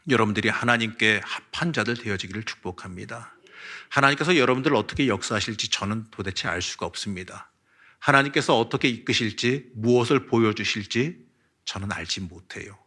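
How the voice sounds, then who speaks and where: A man's voice: fairly low pitch, bright, forceful tone. A man preaching a Sunday sermon as pastor of a church, earnest, swelling and dropping his volume for emphasis. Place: church sanctuary.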